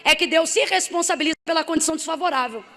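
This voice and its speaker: A woman missionary preaching a sermon with emphasis, building to shouts. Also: high voice, fast. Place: church hall. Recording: hall reverb.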